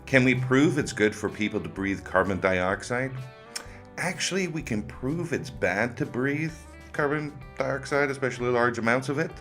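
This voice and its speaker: A man's voice: medium pitch, lively intonation, moderate pace, fairly bright tone, soft background music. A man hosting comic reaction commentary in a sarcastic, mocking way. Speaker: host of a commentary video.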